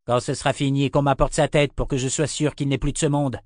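A savage army general snarls and barks his orders, as a man voices him in an audiobook. The voice climbs high and hits hard. The recording stays close and dry. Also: animated, normal speed, dry recording, close to an everyday voice. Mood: harsh, shouting. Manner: barking orders, threatening. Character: brutal, furious male army general.

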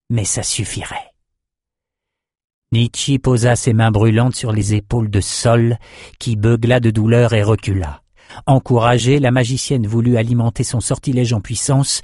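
Low-voiced man narrating an audiobook. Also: warm tone, no echo, studio quality. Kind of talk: scripted fantasy narration.

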